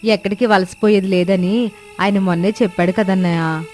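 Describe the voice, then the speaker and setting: A woman's voice: medium pitch, fairly even intonation, normal speed, darkish tone, faint music behind, lightly acted. A woman playing Sukanya, devoted farmer's wife. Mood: concerned. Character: caring village farmer's wife, anxious, devoted. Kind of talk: storybook cartoon voice acting.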